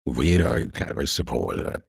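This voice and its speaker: Man on a deep pitch-shifting voice changer. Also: sing-song, a little slow, vocal fry, breathy edge, dry recording, clean studio sound. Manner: pompous, threatening, repeats himself. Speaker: caller posing as a lawyer. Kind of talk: call on a voice chat.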